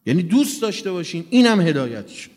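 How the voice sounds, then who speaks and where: High-voiced man preaching in a reverberant hall. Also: very animated, a little mellow. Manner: earnest, addresses listeners directly. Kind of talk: religious sermon with storytelling.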